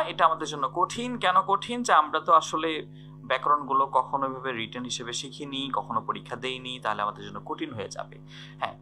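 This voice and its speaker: A male teacher with a Bangladeshi Bengali accent walks students through an exam-prep grammar lesson. His pitch rises and falls a lot as he asks questions and then answers them himself. Faint music plays underneath. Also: fairly bright tone.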